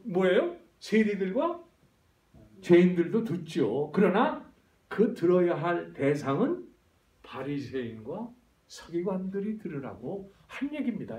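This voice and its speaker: Animated preaching man in echoey church. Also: high voice. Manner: lively preaching, questions to the congregation. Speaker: pastor. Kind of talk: sermon. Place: church sanctuary. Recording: echoey church hall, voice from far.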